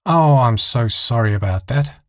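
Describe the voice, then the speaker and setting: A man's voice: mid-range voice, animated, unhurried, dry recording, studio quality, lightly acted. A man voicing a snide flight stewardess in an audio story, with a put-on politeness. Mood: falsely chirpy. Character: snide flight stewardess, falsely chirpy, bitter underneath.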